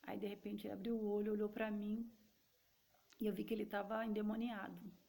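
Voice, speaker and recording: A woman's voice: medium pitch, little pitch movement, fairly quick, creaky, dark tone. A woman with a Brazilian Portuguese accent telling a personal story in a casual, conversational way, speaking directly to her listeners.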